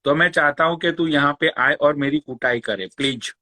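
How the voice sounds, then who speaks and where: A man's voice: fairly high pitch, moderate pace, bright, forceful tone. A man hosting a live stream, ranting sarcastically and taunting a rival, swearing often. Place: Long Island, New York.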